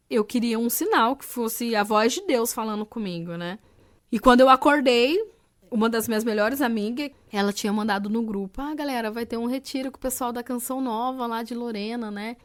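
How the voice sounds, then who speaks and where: A woman from Brazil telling a personal testimony in a conversational storytelling way, with frequent fillers. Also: on the high side. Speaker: interviewee recounting her testimony.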